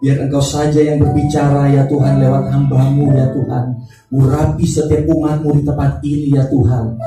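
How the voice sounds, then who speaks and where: A man from Thailand serving as pastor, praying and then preaching a sermon in a church service and inviting the congregation to answer back, unhurried and with pauses. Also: medium pitch, flat delivery. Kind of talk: sermon with opening prayer. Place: church worship hall. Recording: very echoey hall, mic at a distance, faint music.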